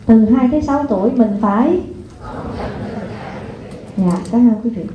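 A woman giving a live parenting seminar, talking lively and constantly asking the audience rhetorical questions. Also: on the high side, measured pace. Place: lecture hall before an audience. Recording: echoey hall over a phone-like line, faint noise.

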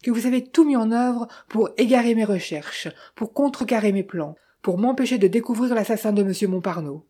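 A woman's voice: on the high side, fairly quick, mellow, breathy edge. A woman voicing a tense young man posing as a detective, speaking curtly in a storybook reading. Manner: curt, clipped, through clenched teeth.

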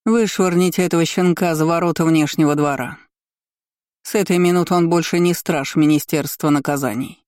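A male narrator raising his voice into a cruel empress who taunts and gloats over her captive, lilting and sing-song, pitched well above his usual tone. The sound is dark and mellow, recorded close and dry, like a storybook villain savoring every word. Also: fairly even intonation, brisk, no echo, close to an everyday voice. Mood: gloating. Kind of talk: audiobook character voice.

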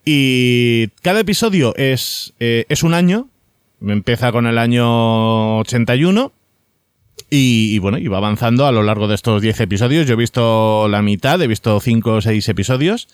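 A man's voice: medium pitch, moderate pace, clear, resonant tone, no room sound, studio quality. A man in a casual podcast chat, talking at length about TV series in a rambling way, with many fillers and restarts. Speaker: podcast co-host.

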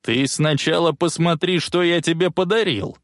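A man voicing a wheezing, cranky old man who talks in a bossy, insistent way and turns shrill when angry. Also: moderate pace, no room sound, studio quality, lightly acted.

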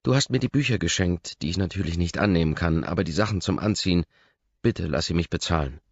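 A man voicing a shy, earnest young woman with a soft, slightly raised voice, in a dull, dry audiobook recording. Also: deep voice, animated, fairly quick, dry recording, pitched above the performer's own voice.

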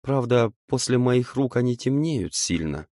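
A man voicing a weary, cold young witch girl who speaks quietly and slowly in an audiobook. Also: mid-range voice, expressive, no echo, clean studio sound, voice pushed up. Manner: quiet, slow, subdued.

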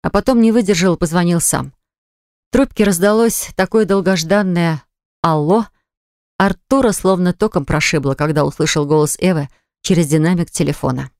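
A man's voice: sits high, fairly quick, vocal fry, a little mellow, no room sound, studio quality. A man narrating an audiobook novel, reading expressively. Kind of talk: scripted narration. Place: studio.

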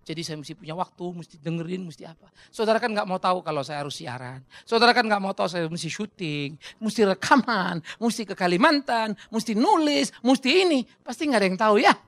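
A man preaching a sermon as pastor, blunt and direct, telling stories in an animated way. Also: high voice, quick pace, no room sound.

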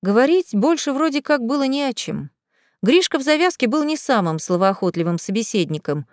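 A woman narrating an audiobook chapter in a lively, expressive reading. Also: on the high side, fairly quick, dry recording. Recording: dry close studio sound.

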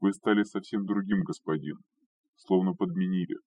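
A man's voice: sits low, fairly even intonation, normal speed, darkish tone, husky, dry recording. A man voicing a loyal male retainer who pleads and speaks hesitantly, recorded distant and dull. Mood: humble, hesitant.

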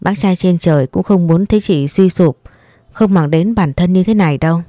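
A woman voicing a caring young man in a spoken story, talking in a soft, soothing, patient way. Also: on the low side, moderate pace, dry recording, studio quality, lightly acted. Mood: gently coaxing.

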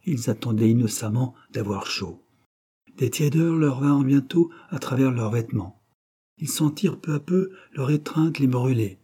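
Warm, husky male audiobook narrator. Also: medium pitch. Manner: measured, expressive reading. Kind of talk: scripted narration of a classic novel.

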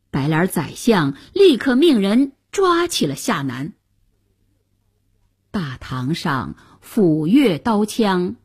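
Woman reading a radio story, slow n breathy, voice goes up and down a lot, pitched a bit high. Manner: slow, expressive, lively storytelling. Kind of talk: scripted story narration for radio.

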